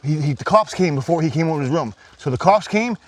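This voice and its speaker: A man talking at a fast clip in a slightly high voice, spinning a rambling, profane story. He stumbles and restarts often and keeps it loose and casual, like a podcast co-host chatting with a friend. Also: lively intonation, recorded from a distance.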